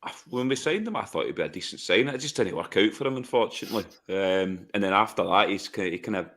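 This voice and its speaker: Low-voiced Scottish podcast co-host. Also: male voice, expressive, quick pace, fairly bright tone. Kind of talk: casual football chat.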